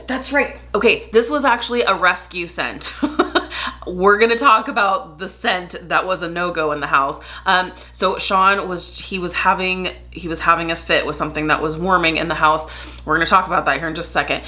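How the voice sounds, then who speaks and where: A woman's voice: fairly low pitch, pushed and bright. A woman vlogger chatting casually and enthusiastically about home fragrances, laughing often.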